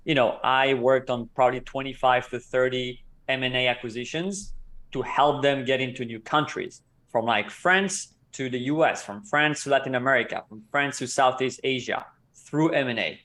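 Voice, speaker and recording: A company co-founder in his thirties who grew up in Israel tells his story as a guest in a casual interview. His medium-pitched, slightly bright voice stays measured and explanatory.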